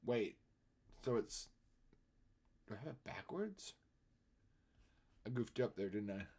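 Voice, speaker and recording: A man's voice: lowish voice, lively intonation, takes it slowly, darkish tone, slightly rough. A man chatting casually on a live stream as he draws, self-deprecating and given to humming melodies. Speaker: streamer and artist. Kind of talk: casual live-stream chat while drawing.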